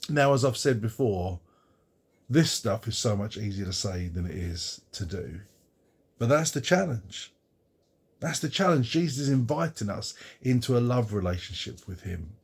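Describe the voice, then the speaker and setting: A man speaks as a pastor in a devotional Bible reflection, his voice low and edged with gravelly fry. His tone is husky rather than clean, and he talks earnestly, lifting and slowing his words to stress them. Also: animated.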